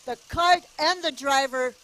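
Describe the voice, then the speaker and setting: A woman's voice: high-pitched, a little slow, fairly bright tone. A woman doing casual play-by-play commentary at a go-kart race, chatty and cheering the drivers on. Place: outdoor go-kart race track.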